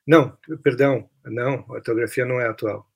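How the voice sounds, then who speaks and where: A man with a Brazilian accent hosts a podcast, chatting casually and thoughtfully about literature and now and then pausing to find the right word. His mid-range voice is gravelly and a bit rough, with fairly even intonation and a slightly quick pace.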